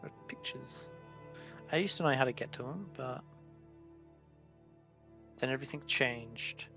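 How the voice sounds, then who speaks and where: A man's voice: mid-range voice, wildly swooping pitch, a little slow, sharp tone, soft background music. A man narrating as dungeon master, with a loose, casual manner full of fillers. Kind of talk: narrating a tabletop game.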